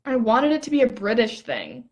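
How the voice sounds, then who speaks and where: A woman's voice: on the high side, huge pitch swings, normal speed. A young woman acting a playful, curious stargazer in a stage play reading, teasing and eager. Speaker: actor in a rehearsed play reading.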